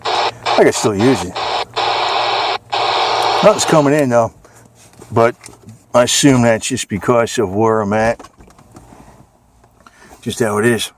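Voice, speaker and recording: Speaking slowly and pausing often, an American amateur vlogger rambles casually in a homemade video, his medium-pitched voice informal and matter-of-factly salty. Vehicle sounds fill the noisy amateur recording.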